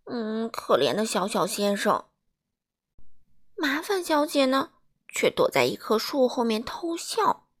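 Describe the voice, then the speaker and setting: Female storyteller for kids, animated, bright and expressive. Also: fairly high pitch, slow. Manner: lively, expressive, dramatic. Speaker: storyteller for children. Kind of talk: children's picture-book reading.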